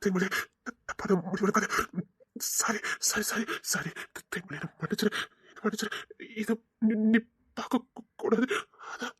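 A woman playing a husky, pleading remorseful husband. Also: medium pitch, fairly even intonation, moderate pace, no echo, clean studio sound, natural voice. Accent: Tirunelveli Tamil. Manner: pleading, repeating apologies. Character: remorseful young husband pleading with his wife.

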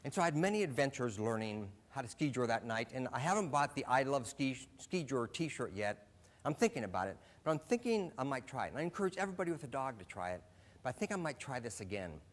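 A middle-aged man from Alaska gives a short, humorous stage talk. His voice sits at an ordinary middle pitch. He pokes fun at himself and paces his jokes with easy comic timing. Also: very animated, fast. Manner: self-deprecating storytelling with comic timing. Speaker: speaker.

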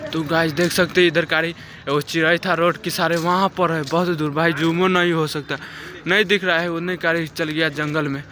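A young man chats his way through a casual vlog, filming himself on a phone held at arm's length. His voice sits a little high and comes across bright and forward. Faint outdoor noise runs underneath. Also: steady tone, normal speed. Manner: chatty, walking narration to a handheld camera. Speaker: vlogger. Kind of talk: casual village vlog narration. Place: outdoors in a foggy village field. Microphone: phone camera held at arm's length.

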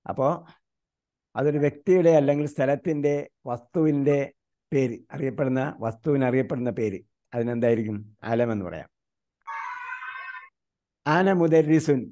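Man, grammar teacher from India, online class, warm dark tone, quizzing students, slow recited terms. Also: medium pitch. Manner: quizzes students with repeated questions.

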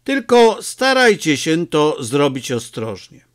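A male narrator plays a burly, stubborn village priest with a good heart, earnest and persuasive. His voice rises and falls a great deal, and he speaks at an unhurried pace. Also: fairly high pitch, sing-song.

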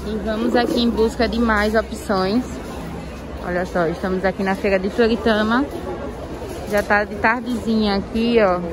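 A woman touring a clothing market on her phone camera, talking through a face mask and pointing things out to viewers. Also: on the high side. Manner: chatty, keeps saying "ó" and "olha só" to viewers. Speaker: shopping vlogger. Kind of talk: casual market tour vlog. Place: busy indoor clothing market. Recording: crowded market noise behind.

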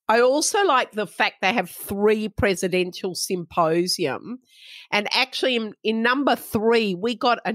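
Aussie woman chatting on a podcast, slow and playful, dry close sound. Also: medium pitch, fairly bright tone, dry recording. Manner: chatty, playful, quick asides. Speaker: podcast co-host. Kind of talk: casual chat.

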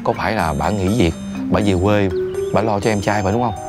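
Man playing a restaurant worker, Southern Vietnamese accent, nagging, fast talker, background music. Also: on the low side, natural voice. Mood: teasing. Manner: teasing, nagging, lively. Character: cheeky nosy male restaurant worker. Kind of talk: comedy sketch acting.

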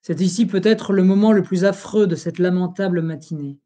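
An audiobook reader reading a history book aloud in a slow, solemn, even delivery. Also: mid-range voice.

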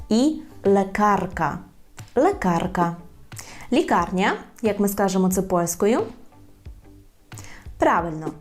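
A woman teaching a language in a video lesson, repeating words slowly and carefully. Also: mid-range voice, darkish tone. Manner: slow, careful repetition of words.

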